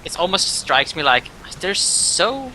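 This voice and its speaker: Very bright, stammering man, highish pitch. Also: big pitch swings, unhurried, rough recording. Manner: stammering, repeats words. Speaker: tabletop game player. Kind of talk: casual chat. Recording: faint background rumble and noise.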